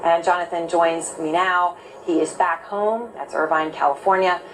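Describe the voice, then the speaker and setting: A woman news anchor introducing an interview guest, measured and earnest. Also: on the low side, fairly even intonation, soft background music, rough recording. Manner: measured, earnest broadcast delivery.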